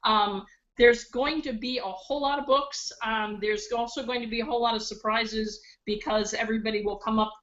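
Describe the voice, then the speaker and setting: A woman's voice: a little high, steady tone, a little fast, a bit bright. Joking woman auctioneer, lo-fi sound. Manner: playful, joking. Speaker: charity auctioneer. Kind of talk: casual chat. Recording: dull lo-fi audio.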